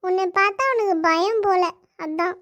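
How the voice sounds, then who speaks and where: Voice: very high voice, normal speed, a bit bright, no room sound, clean studio sound. A performer voicing a teasing, bossy girl in a family comedy cartoon, explaining things matter-of-factly and giving orders. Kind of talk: family comedy skit dialogue.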